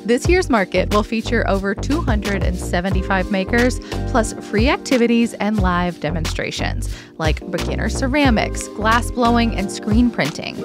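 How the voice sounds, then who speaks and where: A woman's voice: mid-range voice, animated, normal speed, few pauses, over music. A woman hosting a podcast, moving between casual chat and scripted sponsor reading. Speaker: podcast host.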